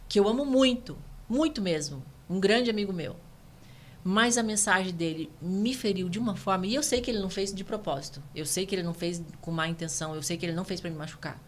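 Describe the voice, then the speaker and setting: A woman in her thirties from Brazil, a guest giving an emotional personal testimony, animated and earnest. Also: mid-range voice. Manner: fast, earnest, animated storytelling.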